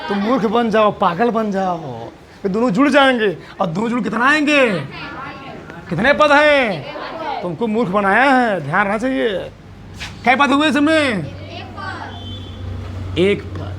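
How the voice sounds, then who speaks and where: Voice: medium pitch, animated, a little slow, long pauses, fairly bright tone, a faint crowd, a little hiss or hum. A teacher giving a classroom maths lesson, asking the students question after question in a coaxing, teasing way.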